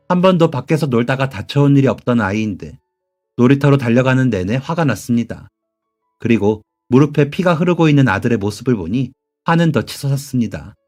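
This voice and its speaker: A man narrates a listener's story in a calm, measured reading voice of middle pitch. Soft music plays quietly under his narration.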